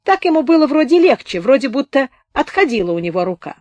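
A woman doing a high boyish-voiced wounded soldier. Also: very animated, darkish tone, no echo. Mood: storytelling. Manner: unhurried folksy village speech. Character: thin-bearded wounded soldier, man, with a high boyish voice, folksy storyteller.

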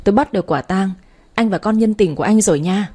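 A woman's voice: medium pitch, quick pace, mellow, husky, natural voice. A woman reading a storybook, voicing a furious, abusive jealous wife who hurls insults. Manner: screaming insults.

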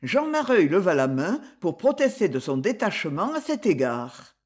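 An audiobook reader narrating a classic novel in a measured, expressive manner. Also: mid-range voice, husky.

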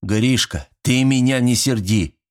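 A man voicing a gruff, bossy one-armed elderly school caretaker and war veteran who barks and scolds his son. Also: mid-range voice, expressive, normal speed, voice pushed up, close to an everyday voice. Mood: angry. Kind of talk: audiobook character voice.

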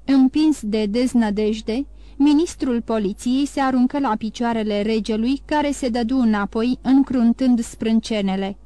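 A woman narrating a classic novel in an even storytelling manner. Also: a little high, no room sound. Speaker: audiobook narrator. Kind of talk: literary audiobook narration.

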